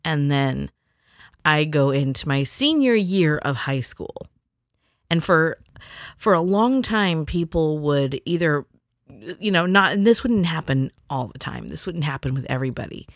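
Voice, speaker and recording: A woman's voice: low voice, animated, a little slow, dry recording, clean studio sound. A middle-aged woman telling a rambling personal story in a chatty, casual way, acting out the people she quotes.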